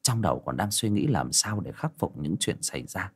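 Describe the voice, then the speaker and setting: A man narrating a spooky audiobook story in an expressive, dramatic way. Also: deep voice, normal speed, slightly rough. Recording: faint music under the reading.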